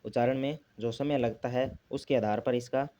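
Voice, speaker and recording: A man's voice: medium pitch, fairly even intonation, moderate pace, dark tone. A man teaching a grammar lesson, asking himself questions and repeating the key terms. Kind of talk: classroom lesson explanation.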